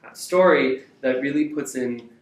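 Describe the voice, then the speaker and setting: Man, live sign language interpreter, first-person voicing, measured pace with fillers, echoey classroom. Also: mid-range voice. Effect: live interpreter voicing a signing speaker. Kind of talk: voicing signed speech aloud in first person. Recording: echoey room, faint ambience.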